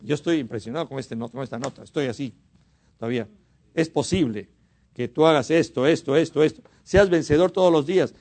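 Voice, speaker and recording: A man from Mexico preaching a sermon. He is fervent, rises to emphatic exhortation and drops to quiet asides, and often repeats words for emphasis. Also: a little high, fairly quick.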